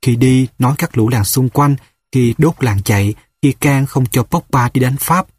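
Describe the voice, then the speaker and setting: A man's voice: medium pitch, moderate pace, a little mellow, breathy edge, no room sound, clean studio sound, lightly acted. A man reading the lines of a stubborn young village man torn by grief, in a plain read-aloud delivery. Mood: earnest.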